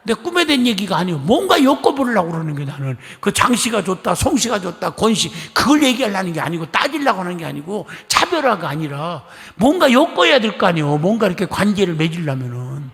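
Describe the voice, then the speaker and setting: A middle-aged man from Korea's Chungcheong region preaching a lively, chatty sermon, acting out conversations and coaxing the congregation to respond. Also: high-pitched, a little fast, few pauses. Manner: chatty storytelling, acting out dialogue. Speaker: pastor. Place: church sanctuary. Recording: long church hall reverb.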